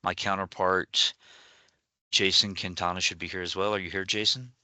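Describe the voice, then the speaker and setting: A man presenting as a state equity ombudsman in a webinar, halting with many fillers and restarts. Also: low voice, little pitch movement, pushed and bright, no echo. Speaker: rural and frontier equity ombudsman.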